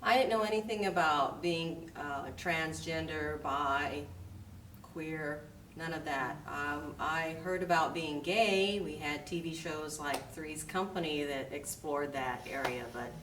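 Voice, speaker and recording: Brief: fifties woman, parent, earnest and reflective; low voice, picked up from a distance. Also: fairly even intonation, takes it slowly, a bit bright. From Washington State. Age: 50s. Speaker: interviewee, parent. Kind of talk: candid family interview. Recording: roomy, distant mic with faint hiss.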